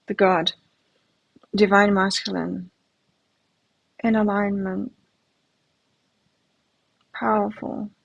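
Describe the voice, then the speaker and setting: Extremely slow and full of long pauses, a middle-aged woman with mixed British-Australian speech muses aloud during a live tarot card reading. Her mid-range voice is flat in tone with vocal fry, and the lo-fi recording is dry.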